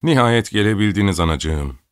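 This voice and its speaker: A man's voice: fairly low pitch, expressive, moderate pace, clean tone, dry recording, studio quality, lightly acted. A man voicing an imperious, fussy old countess who scolds and orders people about in an audiobook. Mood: scolding. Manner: scolding, peevish, bossy. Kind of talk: audiobook character voice.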